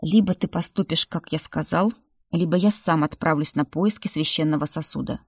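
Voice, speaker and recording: A woman reading the lines of a stern male demon prince husband in an audiobook, speaking quietly, low and seriously. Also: moderate pace, gravelly, husky, dry recording, full character voice.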